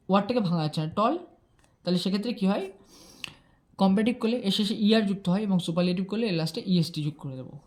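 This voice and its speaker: Patient woman teaching grammar, mellow voice. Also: mid-range voice. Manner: patient, checks in with "ঠিক আছে?", mixes English terms into Bengali. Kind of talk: explaining grammar rules step by step.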